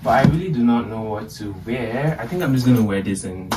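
A young man in casual vlog chat, relaxed and chatty, filling his talk with likes and you-knows. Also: mid-range voice, fairly quick, very noisy. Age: young adult. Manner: relaxed, chatty, uses lots of fillers. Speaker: vlogger. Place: indoors at home and at a campus library.

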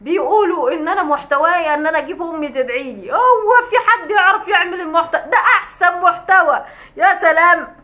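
A woman's voice: extremely high pitch, a little fast, bright, forceful tone. A woman with an Egyptian accent, a vlogger ranting at a critic in a sarcastic, scolding way with scornful laughs. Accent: Egyptian Arabic. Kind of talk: mocking rant to camera.

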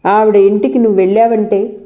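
A woman's voice: mid-range voice, steady tone, fairly quick, muffled recording, lightly acted. A woman voicing a surly, insolent rich young man in a storybook reading, speaking in curt lines.

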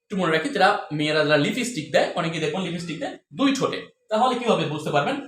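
A man's voice: sits high, expressive, rapid-fire, fairly bright tone. A man teaching a spoken English lesson, drilling each sound over and over and asking viewers questions. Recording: echoey room with faint ambient noise.

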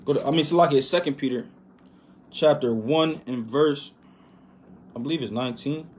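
A man giving an informal Bible lesson, reading verses slowly and with emphasis, then dropping to a quiet "man" or "right?" after each point. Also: medium pitch, a little hiss or hum. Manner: reads verses slowly and loudly, tags lines with "right?" and "man". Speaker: bible teacher. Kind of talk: informal scripture teaching.

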